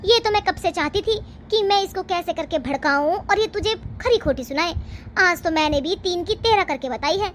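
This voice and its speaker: A woman's voice: very high-pitched, animated, normal speed, slight background noise. A woman voicing a scheming mother-in-law who taunts her son and complains about her daughter-in-law. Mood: gloating.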